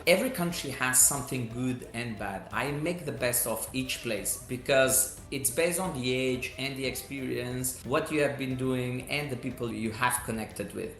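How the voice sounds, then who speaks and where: A middle-aged man who grew up in Portugal, speaking English as an as a resort manager answering interview questions in steady, explanatory phrasing. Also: mid-range voice. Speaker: resort general manager, guest. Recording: roomy echo.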